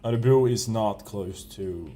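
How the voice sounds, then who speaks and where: A man's voice: lowish voice, a little slow, warm tone, faint music behind. A young man, streaming a game and chatting casually, rambling and correcting himself, chuckling now and then. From Sweden. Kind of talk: casual live-stream chat while gaming.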